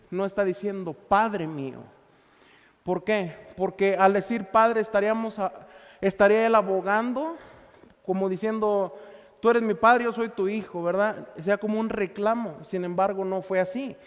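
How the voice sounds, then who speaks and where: Male pastor, very high voice, emphatic sermon delivery, long hall reverb. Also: steady tone, normal speed, clear, resonant tone. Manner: emphatic preaching, repeats phrases, asks the listener questions.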